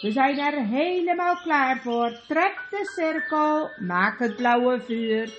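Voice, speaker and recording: A woman's voice: sits high, lively intonation, lo-fi sound, soft background music. A woman voicing a gruesome, sinister creature with a grey, menacing voice. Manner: menacing, slow.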